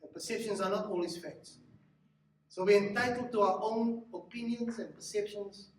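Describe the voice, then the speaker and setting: A man's voice: high-pitched, a little hiss or hum. A man preaching a sermon on marriage, emphatic and acting out what spouses say to each other. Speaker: pastor. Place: church hall. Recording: echoey hall, mic from a distance.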